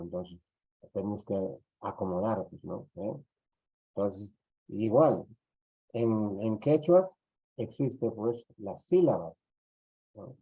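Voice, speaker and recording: A Peruvian man teaching an online class, talking slowly and checking in with short tag questions. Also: on the low side, husky. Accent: Peruvian Spanish. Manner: slow, repetitive, tag questions. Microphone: computer mic on a video call. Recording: dull lo-fi audio.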